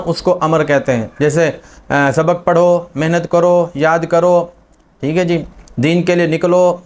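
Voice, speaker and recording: A man teaching a grammar lesson, explaining patiently with many examples and fillers. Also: on the high side. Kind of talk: spoken lesson on Arabic grammar.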